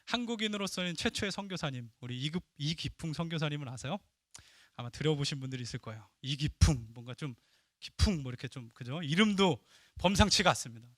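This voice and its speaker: A man preaching a sermon as pastor, animated and emphatic, dropping to hushed asides. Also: a little high, fast, no echo. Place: church sanctuary.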